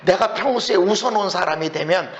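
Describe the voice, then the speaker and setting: A man preaching a sermon as pastor in a church, swinging between hushed lines and shouting, with laughing asides. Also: high-pitched, a little fast. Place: church sanctuary. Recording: echoey church, muffled lo-fi.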